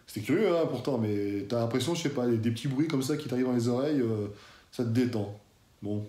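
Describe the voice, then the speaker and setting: A fitness YouTuber talks straight to his audience in a relaxed, slangy way, full of familiar asides. The man's voice is mellow and warm, of middling pitch. The sound bounces around a bare, echoey room. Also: quick pace. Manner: chatty, slangy, addresses viewer as "tu". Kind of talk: casual talk to camera.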